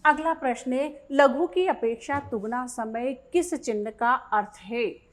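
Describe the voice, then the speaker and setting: A woman's voice: high-pitched, a little slow. A woman teaching a Hindi grammar lesson for exam preparation, reading out each question and explaining the answer step by step.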